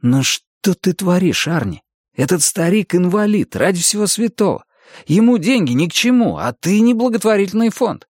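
A man voicing a blunt teenage guy, pitched higher and louder than the narration, arguing in exasperation. The audiobook recording is dry and close. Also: very animated, normal speed, no room sound. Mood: exasperated.

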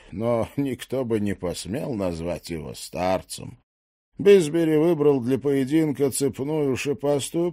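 Male audiobook narrator, mellow warm tone, expressive lively delivery, dry close studio read. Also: mid-range voice, no echo. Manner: unhurried storyteller reading. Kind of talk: scripted narration.

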